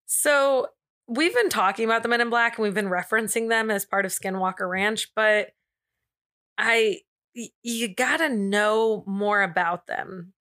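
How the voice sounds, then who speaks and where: Bright-voiced, informal female podcast host. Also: medium pitch. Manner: informal, playful, uses slang and swearing. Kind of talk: casual podcast chat and storytelling.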